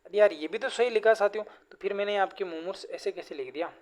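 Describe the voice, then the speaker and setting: A man's voice: high voice, fast talker. A man teaching grammar in an online exam-prep lesson. He keeps asking the class questions and drills correct and incorrect word forms. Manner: repeats questions to the class, constantly addressing students as friends.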